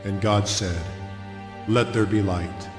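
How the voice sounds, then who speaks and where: Male narrator, grand measured biblical scripture reading, lower register, loud new-age music underneath. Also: fairly even intonation, roomy sound, in a large hall. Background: loud new-age background music.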